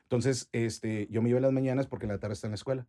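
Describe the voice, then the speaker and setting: In a casual podcast interview with a noisy background, a Mexican man in his forties rattles off anecdotes at rapid-fire speed. His medium-pitched voice stays fairly even in intonation, and he frequently restarts and uses fillers.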